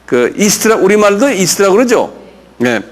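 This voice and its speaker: Male pastor-teacher, high and animated, unhurried, quizzes the room and drills pronunciation. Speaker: pastor teaching a Bible class. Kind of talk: classroom lecture with audience questions.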